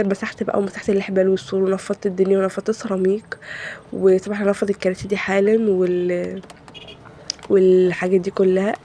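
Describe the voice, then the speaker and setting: A woman's voice: mid-range voice, mellow, slight background noise. A woman with an Egyptian accent and a cold, talking casually in a vlog voice-over and venting in heated rhetorical questions. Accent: Egyptian Arabic. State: has a cold. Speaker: home vlogger.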